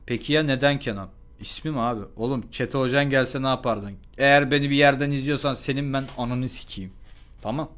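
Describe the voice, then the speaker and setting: A young man telling a school story to his live chat in a casual, profane, animated way, and acting out the people in it. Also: mid-range voice, fairly quick. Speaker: live streamer.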